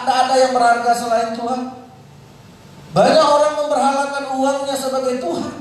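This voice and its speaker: High-voiced preacher in an echoey hall. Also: male voice, slight background noise. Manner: calls out questions to the congregation; wide swings between loud high preaching and low quiet asides. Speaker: pastor. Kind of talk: sermon. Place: church hall. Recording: echoey hall, mic at a distance.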